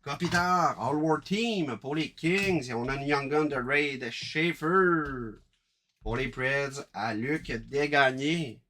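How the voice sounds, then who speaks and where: A man with a Quebec French accent hosting a live card-break stream, chatting briskly and calling out each card as he opens packs. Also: medium pitch, sharp tone, a little hiss or hum.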